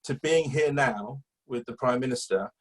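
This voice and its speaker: A man's voice: mid-range voice, normal speed, rough recording. A man, a campaigner telling a long chatty story in an interview, rambling with fillers and restarts. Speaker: guest, animal welfare campaigner.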